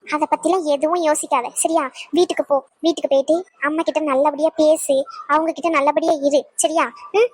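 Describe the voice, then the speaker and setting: A woman's voice: sits high, fairly even intonation, a little mellow, slight background noise, lightly acted. A woman voicing a caring young woman in a cartoon who coaxes and advises her friend. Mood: coaxing. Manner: coaxing, advising, quick. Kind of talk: cartoon voice acting.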